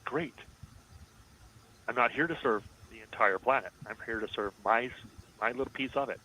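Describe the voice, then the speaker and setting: A man's voice: medium pitch, moderate pace, bright, forceful tone, rough recording. A man, a coach co-hosting a podcast in casual chat, speaking emphatically and with confidence.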